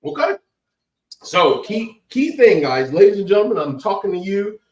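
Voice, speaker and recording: A man hosts a casual cooking podcast, joking around and hyping the network's upcoming shows. His voice sits high, very animated, at a moderate pace, recorded on a roomy, distant mic.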